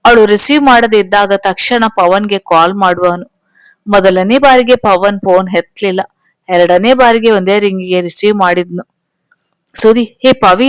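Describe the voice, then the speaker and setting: A woman tells a storybook tale, steady and close to the mic. Her voice sits at an ordinary middle pitch, and the recording is dry with no room sound. She reads the characters' lines without changing her voice much. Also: smooth, no room sound. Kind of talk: storybook narration with dialogue.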